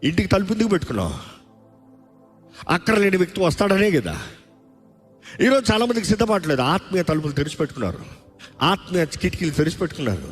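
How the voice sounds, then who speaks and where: Man, pastor, sermon, lively swooping pitch, faint background music. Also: fast, pauses often. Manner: animated preaching, asks the congregation questions.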